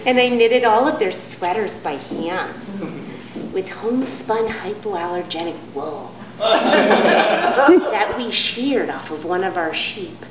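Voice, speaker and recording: A woman voicing a smug, spiritually righteous hippie woman who speaks slowly and softly with condescending calm. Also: mid-range voice, far from the mic, pitched below the performer's own voice. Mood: smug serene. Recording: echoey room, audience noise.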